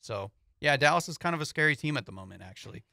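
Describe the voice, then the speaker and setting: A man's voice: fairly high pitch, animated, fast, creaky, pushed and bright, no room sound. A young man co-hosting a casual sports talk show, easygoing and rambling with fillers, speaking into a studio mic in a small studio. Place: small studio with foam panels. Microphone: studio mic on boom, headphones.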